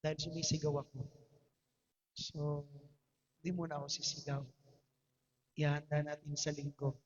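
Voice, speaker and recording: A man's voice: a little high, little pitch movement, moderate pace. A Filipino man preaching a sermon, his voice strained, with emphatic repetitions and rhetorical questions. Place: church hall. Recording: dull livestream audio in a reverberant hall.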